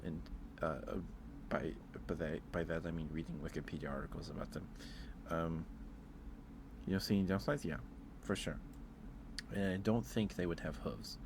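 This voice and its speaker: This ASMR streamer's voice sits low as he chats casually and rambles hesitantly through his thoughts. There's background noise in the recording.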